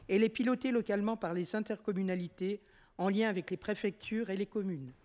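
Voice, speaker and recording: A woman's voice: medium pitch, big-room sound. Woman reading a formal council report. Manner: steady, measured reading with occasional self-corrections. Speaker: municipal councillor presenting a motion. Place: city council chamber.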